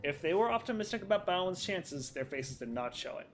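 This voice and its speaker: Lively man reading a game book aloud. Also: high voice, brisk, faint music behind. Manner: casual, laughs and swears at slips. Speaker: let's play host.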